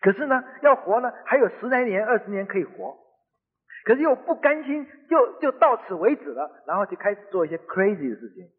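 In a radio sermon, a middle-aged man preaches, telling a story in an earnest, conversational way. His voice is high-pitched, sing-song, brisk and husky, and the broadcast sounds tinny and phone-like with long reverb.

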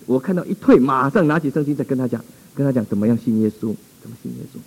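A man's voice: mid-range voice, expressive, fast, darkish tone, breathy edge, poor audio. A male pastor telling a dramatic, exclamatory testimony in a sermon.

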